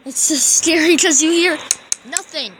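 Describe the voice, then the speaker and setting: A woman's voice: high-pitched, measured pace, noisy background. A woman giving casual, nervous and jumpy commentary as a scared horror game streamer. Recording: loud game audio behind the voice. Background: loud horror game sound.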